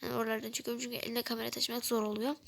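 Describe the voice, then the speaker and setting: A woman plays a hungry, fretful young diner who keeps confiding in the viewers. Her voice sits a bit high and has a light creak, and she often drops to a hushed aside. This is a toy role-play narration. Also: little pitch movement, rapid-fire. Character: flustered young woman waiting for food at a restaurant, hungry and stressed.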